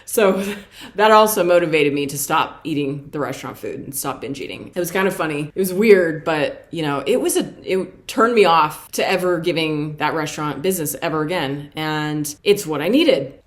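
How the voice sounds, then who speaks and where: A woman talking candidly in a casual personal vlog, chatty and repeating herself for emphasis. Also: lowish voice. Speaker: vlogger and copywriter.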